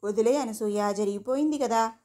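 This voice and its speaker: A woman voicing an elderly grandfather who speaks in a calm, reassuring way. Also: fairly high pitch, moderate pace, close to an everyday voice. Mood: kindly. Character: elderly grandfather, kindly and blessing.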